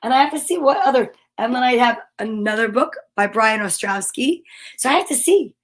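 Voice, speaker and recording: Hosting story time for kids, this woman speaks in a fairly high voice and talks fairly quickly. Her gushing, animated manner stays upbeat and encouraging as she shifts between reading the story and chatty asides to viewers.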